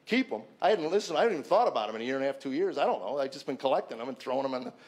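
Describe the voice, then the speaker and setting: A man's voice: expressive, racing, slightly rough. A man in his fifties giving a personal testimony to a men's gathering, emphatic and repeating words when stuck. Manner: emphatic storyteller, swings loud and high at peaks.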